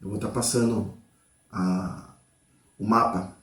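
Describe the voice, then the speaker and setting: A man whose voice sits on the low side, steady and slow with a slightly bright edge, teaches guitar informally in a reverberant space. He names the notes aloud while playing, explains with patience, and keeps asking the viewer "tá?" and "né?"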